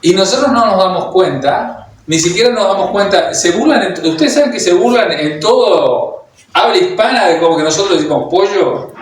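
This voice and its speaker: A man's voice: high-pitched, a little hiss or hum. A Uruguayan man with a Uruguayan Spanish accent preaching to a congregation, hesitant, with many fillers and restarts. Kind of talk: sermon. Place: church hall. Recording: very echoey hall, heard from a distance.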